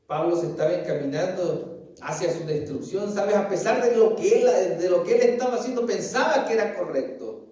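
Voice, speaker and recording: A man's voice: sits high, animated, normal speed, mellow. A man preaching a sermon as pastor, earnestly pressing his listeners with repeated questions and calling them dear brother. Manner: keeps asking "¿sabes?" and calls listeners "querido hermano". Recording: echoey, distant mic.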